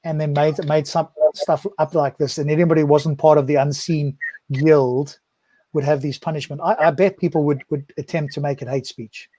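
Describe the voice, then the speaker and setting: A man's voice: a little high, little pitch movement, moderate pace, warm tone, dry recording. A man co-hosting a podcast panel discussion, talking in a chatty way and often checking in with "right?". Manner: chatty, ends points with "right?". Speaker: podcast co-host.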